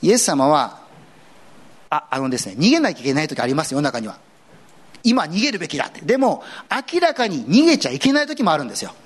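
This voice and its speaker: Lively, slightly high-voiced man preaching. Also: fast talker, slightly rough. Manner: earnest, conversational preaching with lively swings in pitch; casual asides and everyday phrasing mixed into the sermon. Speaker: pastor. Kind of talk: sermon.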